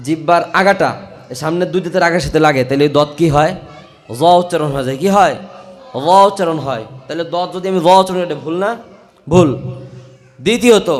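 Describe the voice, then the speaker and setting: A man teaching a Quran recitation class in a madrasa classroom, chanting verses slowly and drawn out, then explaining pronunciation briskly with many checking questions, in a Bangladeshi Bengali accent. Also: fairly high pitch.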